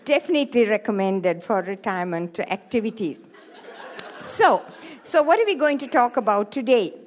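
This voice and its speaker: A Sri Lankan sex therapist in her seventies gives a seminar in a hall before a live audience. Her voice is high and her pace moderate, and she keeps things lively with jokes and playful asides to the crowd.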